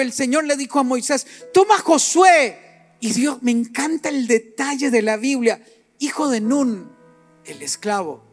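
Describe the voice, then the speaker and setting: A middle-aged man preaching a sermon, animated and rising to emphatic peaks as he acts out little scenes. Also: high voice.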